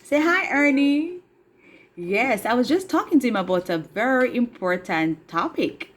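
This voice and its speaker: A woman telling a children's story with a puppet, lively and asking the young audience questions. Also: fairly high pitch, measured pace. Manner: animated, addresses children directly with questions.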